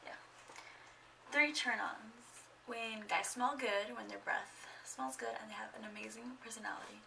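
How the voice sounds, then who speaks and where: A woman's voice: on the high side, fairly even intonation, normal speed, creaky, distant mic, noisy background. A young woman in her twenties chatting casually in a get-to-know-me vlog at home, rambling and a bit awkward, full of fillers. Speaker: vlogger. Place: at home indoors. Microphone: camera microphone.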